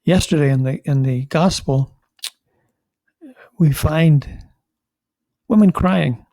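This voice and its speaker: An older man, a priest, giving a conversational homily with halting restarts and wry asides. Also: fairly high pitch, warm tone, no echo. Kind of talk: homily reflection.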